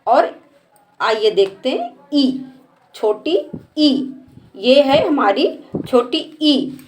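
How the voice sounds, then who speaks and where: Casting: woman teacher, high voice, very slow and patient, repeats every sound. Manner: patient, repeats each sound and asks the class to answer. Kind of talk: slow step-by-step lesson.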